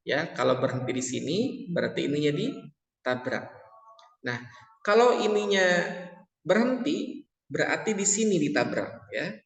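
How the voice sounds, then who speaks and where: A man teaching tajwid in a patient lesson, repeating each point and chanting the verses slowly. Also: mid-range voice, lively intonation, vocal fry. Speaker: Quran recitation teacher. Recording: echoey room with long reverb.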